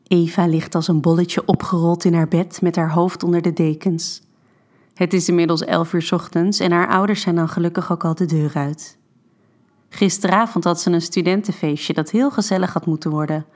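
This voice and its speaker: Low-voiced woman reading a story. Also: steady tone, normal speed, a little mellow. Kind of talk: scripted narration of an erotic story.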